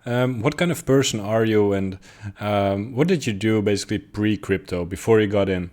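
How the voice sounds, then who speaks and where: Man, host, lowish voice, hesitant, filler-heavy, casual. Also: normal speed, a little mellow. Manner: hesitant, many fillers and restarts, laughs along. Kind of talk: casual interview.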